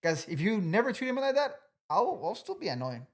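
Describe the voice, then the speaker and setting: A man's voice: sits high, sing-song, fairly quick. An earnest young man in his twenties chatting as a podcast guest. He talks freely, circling back on himself and padding his sentences with casual fillers. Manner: earnest, talkative, many "like" fillers.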